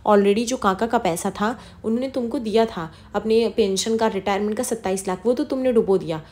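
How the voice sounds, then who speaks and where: A woman's voice: medium pitch, fairly quick, a little mellow, lightly acted. A woman voicing an exasperated, practical young wife who scolds her husband, close to her own voice.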